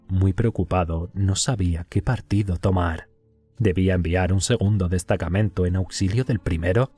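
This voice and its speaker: A male audiobook narrator with a very low voice, reading a classic novel in scripted narration. His tone is husky, and his storytelling delivery is measured and even. Soft music plays underneath.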